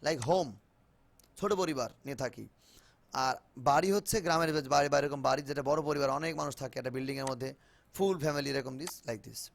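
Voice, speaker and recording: A man with a Bengali accent teaching an online spoken English class over a video call, mixing Bengali and English and repeating words slowly for his students. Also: a little high, creaky.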